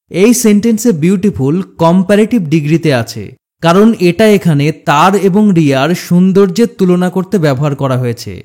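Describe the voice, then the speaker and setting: Man, grammar teacher, slightly high voice, steady scripted lesson narration, talks straight to the learner. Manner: steady, explanatory, addresses learner directly; slows down to repeat example words.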